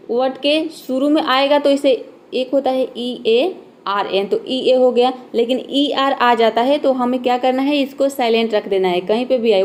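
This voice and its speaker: A woman's voice: high voice, a little mellow. A young woman, patiently explaining English words to viewers in a recorded lesson, spelling them out and repeating herself often. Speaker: English teacher.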